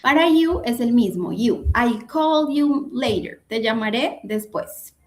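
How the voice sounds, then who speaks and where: Slow, patient woman teaching English. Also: a little high, expressive, a little hiss or hum. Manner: patient, repeats and spells out examples. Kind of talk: online English grammar lesson.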